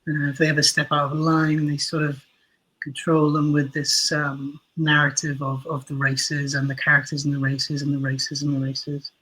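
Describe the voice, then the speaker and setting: A slightly high man's voice, pushed and bright, holds a monotone at a moderate pace on a poor recording. The guest, an audio drama writer and producer, chats casually through his interview, thoughtful and self-deprecating as he explains.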